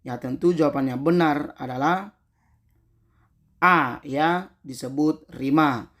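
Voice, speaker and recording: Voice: mid-range voice, a bit bright. A teacher reading out quiz questions and answer choices one by one, then explaining each answer, often tagging "ya" after it. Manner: slow, deliberate reading of answer options, tag "ya" after answers.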